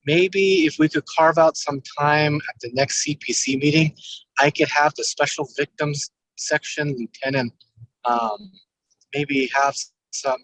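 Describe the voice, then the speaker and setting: A man phones into a community meeting on a hands-free car speakerphone as he drives. His voice sits a bit high for a man and sounds dry and close. He speaks as a police commander, careful and courteous, choosing his words so he does not misspeak. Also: a bit bright, dry recording, rough recording. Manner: careful and polite, hedges to avoid misspeaking. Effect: car speakerphone call. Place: inside a moving car.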